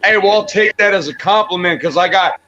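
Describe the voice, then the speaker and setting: A man's voice: high voice, fast, sharp tone, muffled recording, slight background noise. Easygoing man with an East Coast-sounding accent. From Midwest US, Minnesota. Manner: easygoing, repeats himself. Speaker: guest caller. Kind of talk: casual chat on a live stream.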